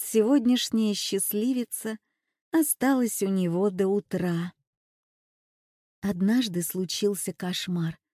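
A woman narrates a first-person story in a quiet, confessional way. Her tone is mellow and warm, recorded dry and close with no room sound. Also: mid-range voice, dry recording.

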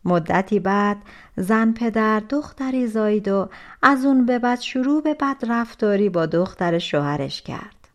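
A woman reading a folk tale aloud as an audiobook narrator, in an expressive, soft-spoken storytelling manner. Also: mid-range voice.

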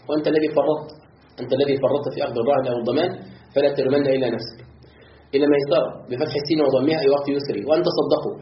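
A man's voice: mid-range voice, slight background noise. A man teaching a classroom lesson on Quran commentary, explaining phrase by phrase and putting questions to his students. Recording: roomy, dull lo-fi recording.

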